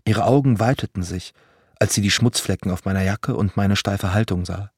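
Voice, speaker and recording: A man in his thirties from Germany narrating a personal story in a measured, vivid, dramatic way. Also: lowish voice, husky, no echo, clean studio sound.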